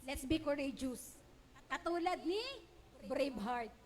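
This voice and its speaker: A Filipino woman preacher and teacher giving an animated sermon, telling stories and calling the congregation to repeat after her. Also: high voice, slow pace, a little hiss or hum. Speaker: preacher and schoolteacher. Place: church. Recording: long church hall reverb.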